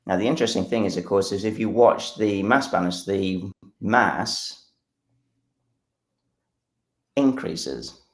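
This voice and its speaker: A man's voice: on the low side, moderate pace, reverberant. An English man explaining a science demonstration during a live stream. He talks with enthusiasm, rambles, and uses a lot of fillers. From England. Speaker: science educator.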